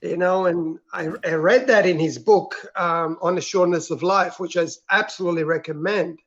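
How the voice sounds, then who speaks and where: On a dull, lo-fi recording, an interview guest from Switzerland shares his personal story in a high-pitched, soft-spoken voice. He's earnest and reflective, with fairly even intonation and a moderate pace.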